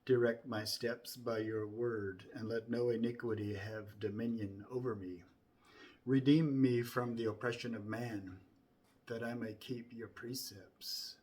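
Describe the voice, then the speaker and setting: A man with a mid-range voice and huge swings in pitch recites scripture from memory. His delivery is solemn and deliberate, each phrase starting with emphasis before softening at the end.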